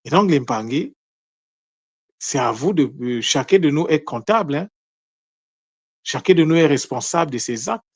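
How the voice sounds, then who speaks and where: A man's voice: fairly high pitch, animated, moderate pace, pauses often, husky, dry recording. A man giving an unprepared spiritual teaching talk, earnest, often repeating words and restarting his phrases.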